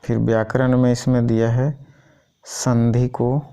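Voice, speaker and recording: Slow, gravelly man reading a syllabus list. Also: mid-range voice, monotone, warm tone. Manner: keeps repeating "thik hai" as a check-in. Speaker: teacher going over a syllabus. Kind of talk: informal explainer going through a list.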